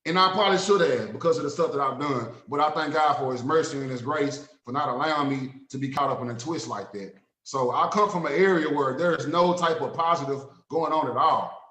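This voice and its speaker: Joining a casual interview by video call, this Dallas-born author in his thirties talks with a Southern US accent in a brisk, somewhat high, sharp-toned voice. His manner is earnest, streetwise and prone to repetition, and the audio is rough, with an echoey room.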